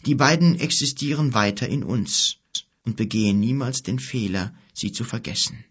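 A man voicing a wise, calm old wizard who speaks slowly and solemnly in a husky voice. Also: medium pitch. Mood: solemn, grave. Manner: slow, solemn, measured.

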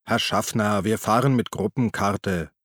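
A man voicing a calm male friend who chides his companion in a level tone. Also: lowish voice, a little slow, no room sound, clean studio sound.

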